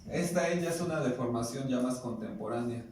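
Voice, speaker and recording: A man's voice: mid-range voice, brisk, darkish tone. A man with a Mexican Spanish accent teaching a language class, explaining patiently and questioning his students. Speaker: Nahuatl teacher. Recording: echoey room, distant mic, faint noise.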